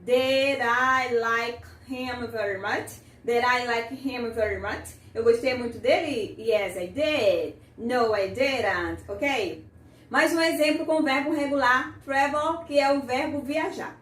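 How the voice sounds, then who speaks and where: A woman teaching an English grammar lesson, saying example sentences slowly and carefully and repeating them for the learner. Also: fairly high pitch, fairly bright tone, echoey room, far from the mic.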